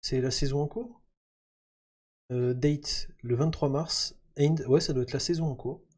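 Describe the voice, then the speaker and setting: A man's voice: fairly high pitch, steady tone, unhurried, darkish tone, slightly rough. A man chatting casually through gameplay, thinking aloud with lots of fillers. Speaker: gaming YouTuber.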